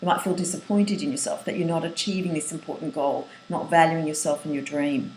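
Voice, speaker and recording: A woman's voice: low voice, steady tone, a little fast, darkish tone. A middle-aged woman, a writing coach, giving a webinar lesson in an earnest manner, listing points and sometimes restarting phrases. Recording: roomy echo, faint hiss.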